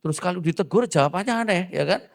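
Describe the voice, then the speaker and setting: A man's voice: sits high, rapid-fire, creaky. A male pastor preaching a sermon, telling humorous personal stories and acting out dialogue with the congregation. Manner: animated storytelling, acts out dialogue, jokes with the congregation.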